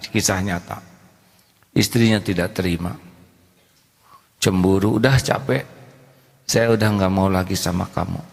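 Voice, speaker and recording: A man preaching a lively sermon, jumping up high for emphasis and asking his listeners to answer. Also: vocal fry. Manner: lively, swings to high voice for emphasis and quoted speech; talks directly to the audience, asks them to answer. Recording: long hall reverb.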